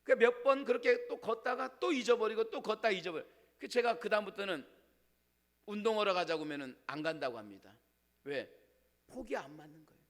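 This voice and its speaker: Male pastor with a high voice, preaching warmly with stories and sudden hushes; long church reverb. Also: lively intonation, fairly quick. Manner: storytelling with a quiet, hushed delivery for God's words. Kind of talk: sermon. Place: church sanctuary.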